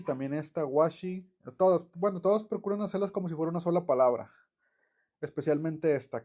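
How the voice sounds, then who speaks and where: A man giving a casual online English grammar lesson, chatty and relaxed, with many fillers and self-corrections. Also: on the high side. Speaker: English teacher.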